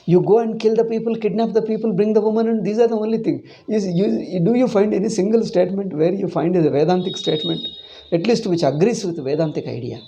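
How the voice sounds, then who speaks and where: A man's voice: high voice, quick pace, dark tone, a little hiss or hum. A man in his sixties with a South Indian accent, teaching in an informal discourse, emphatically repeating his phrases. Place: small indoor room. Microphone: clip-on lapel mic.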